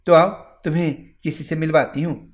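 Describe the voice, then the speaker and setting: A man's voice: on the high side, steady tone, pitched above the performer's own voice, natural voice. A man voicing a secretive middle-aged mother in a story, who swings between scolding and soothing. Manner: anxious and scolding.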